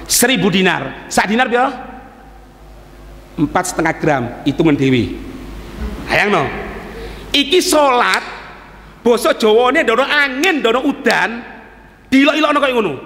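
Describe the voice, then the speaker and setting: A man giving an Islamic sermon in a mosque, telling stories in an animated way. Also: sits high, slight background noise. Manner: animated storytelling, mixing in Javanese phrases. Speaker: preacher. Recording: long hall reverb.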